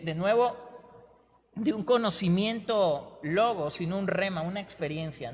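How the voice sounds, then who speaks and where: A man's voice: sits high, big-room sound, slight background noise. A man with a Mexican Spanish accent, preaching fervently as a pastor and interjecting amens. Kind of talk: sermon.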